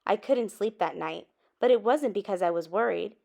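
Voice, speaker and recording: Female storybook reader, mid-pitched with noticeable vocal fry, expressive and emphatic. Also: moderate pace. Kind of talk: expressive read-aloud of a children's story.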